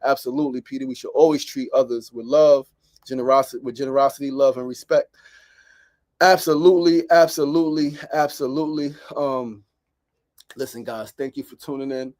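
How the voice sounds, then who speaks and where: A man's voice: medium pitch, fairly even intonation, fairly quick, a little mellow. A man, hosting a motivational livestream and repeating rhetorical questions with emphasis. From South Jamaica, Queens, New York. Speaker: show host. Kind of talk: motivational livestream talk, reading viewer comments.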